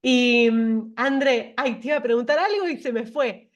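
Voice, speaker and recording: A woman hosts a casual interview. Her voice sits a little high, and she talks in a chatty, playful way. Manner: chatty, playful, quick to laugh. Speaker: interview host.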